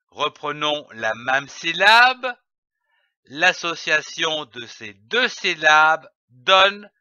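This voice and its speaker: For young children, a man sounds out each letter and syllable of an early reading lesson, going very slowly and deliberately. His bright, fairly high voice rises and falls with lively movement. The recording is dry, slightly dull, and free of echo.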